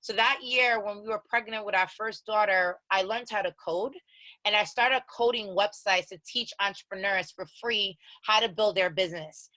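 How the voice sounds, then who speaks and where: Her voice is medium in pitch, normal in speed, and bright with a forceful tone, captured in a low-quality recording with no room sound. She's a Haitian-born co-founder in her thirties with an American accent, presenting an accelerator's online orientation in a direct, conversational way and repeating the key instructions.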